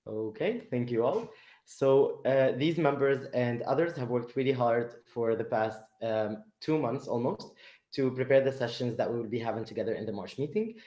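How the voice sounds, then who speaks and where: A man hosting an online webinar, talking with many fillers and pauses. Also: mid-range voice, warm tone. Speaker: webinar host. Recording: echoey room.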